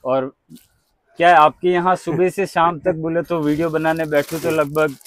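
An excitable man walks through a wholesale saree shop with a slightly raised voice. He keeps heaping repeated praise on everything he is shown. The sound is dry and close. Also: fairly high pitch, normal speed, no room sound. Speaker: market vlogger. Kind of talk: casual showroom walkthrough.

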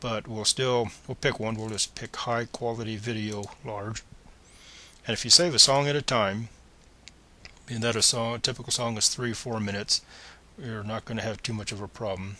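A man presenting a screencast tutorial explains computer tasks step by step in a plain, methodical way. His voice sits fairly low but has a bright, forward quality, with a steady tone and moderate pace.

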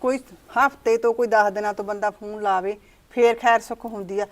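An actress playing a sharp-tongued mother-in-law who nags and scolds her daughter-in-law, in a village short-film drama. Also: medium pitch, steady tone, fairly quick, natural voice. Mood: nagging. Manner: scolding, nagging.

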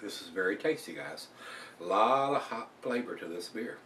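An older man chats his way through a beer review in a relaxed, rambling way, with plenty of uh's. His voice sits on the low side. He is recorded at home by a camera across the room, so the sound is distant and roomy. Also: moderate pace, a little hiss or hum. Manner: relaxed, chatty, with many fillers. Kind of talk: casual beer review vlog. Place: small room at home, indoors.

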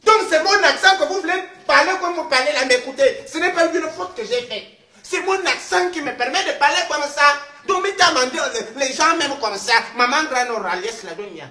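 A woman playing a loud, teasing comic news anchor in a mock news sketch. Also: sits high, expressive, fairly quick. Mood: bossy. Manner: loud, teasing, swings up into exclaiming. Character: brash female TV news anchor, customs officer. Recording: echoey room.

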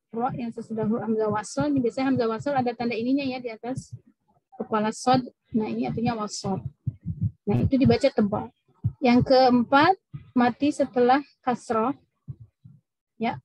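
Woman, recitation teacher, slow pace, husky voice, dry close sound, drawn-out demonstrations. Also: on the high side, darkish tone, no room sound, poor audio. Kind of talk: tajweed lesson with recited examples. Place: mosque women's session.

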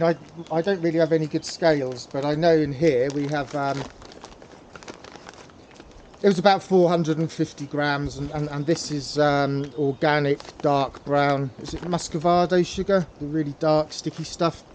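This channel host, a pipe tobacco hobbyist, runs a relaxed how-to demonstration, stumbling through with frequent fillers and repeated words. He talks at a normal speed in a steady, somewhat high, slightly mellow voice, over a light background hiss or hum.

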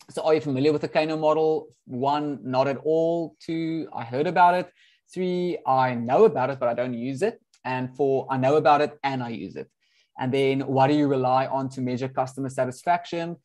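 Opening a webinar as host, this man, whose first language is Afrikaans, presents a product talk over a video call in a warm, friendly way. He has a medium-pitched, slightly mellow voice. Ums crop up constantly as he speaks.

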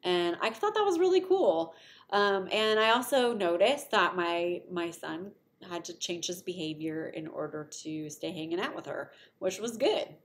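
A woman's voice: lowish voice, expressive, moderate pace, slight background noise. A middle-aged woman giving a casual recorded lecture to college students, conversational with frequent fillers. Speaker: college instructor.

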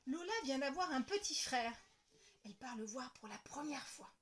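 A woman educator reading a picture book aloud to small children, expressive and sing-song. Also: sits high, moderate pace, a little hiss or hum.

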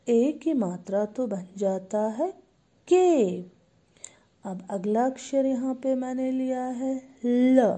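A woman with an Indian accent teaching young children in a recorded class, drawing out each sound slowly and repeating it for them to echo. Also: fairly high pitch, mellow, husky. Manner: slow, drawn-out words, repeats sounds for kids to echo. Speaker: school teacher.

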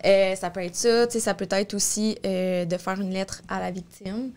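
In a casual podcast chat, a young woman with a Québécois French accent, a support worker appearing as a guest, explains things at normal speed in a mid-range, darkish voice with fairly even intonation. She uses plenty of fillers and corrects herself often; the small studio setup has a boom-arm mic and headphones.

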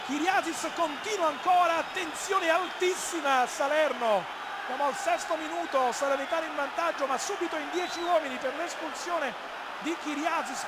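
Casting: male football commentator, very high voice, excited and emphatic, over loud stadium noise. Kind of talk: live Italian TV football commentary.

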